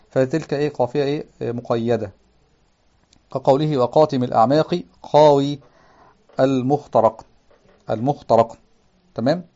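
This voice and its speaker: A man teaches grammar in a lecture style. His voice sits a little high and comes through a dull, lo-fi recording. He often fills pauses with quick questions to the class and chants the verses he quotes. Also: mellow. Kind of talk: classroom lesson explaining a grammar text.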